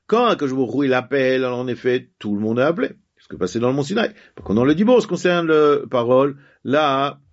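Man explaining Talmud, dull lo-fi sound. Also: medium pitch. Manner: reads Aramaic then explains in French, halting restarts. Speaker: Talmud teacher. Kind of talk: daily Talmud study lesson.

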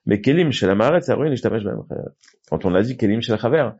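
A man's voice: medium pitch, expressive, fast talker, darkish tone, slightly rough. A man teaching a Talmud class who reads short phrases aloud and then explains them, with frequent restarts. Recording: dull lo-fi recording.

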